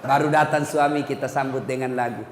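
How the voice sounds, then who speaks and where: A man's voice: mid-range voice, steady tone, brisk. Preacher guy joking around, echoey big room w noise behind. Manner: jokey, acts out quoted couples' talk. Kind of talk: humorous sermon. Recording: echoey hall with background noise.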